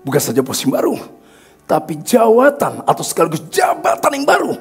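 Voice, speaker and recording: A man pastor preaching a sermon to his congregation in a church, with an Indonesian accent, joking with them and rising suddenly to loud peaks. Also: fairly high pitch, huge pitch swings, brisk, creaky, breathy edge, faint music behind. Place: church hall.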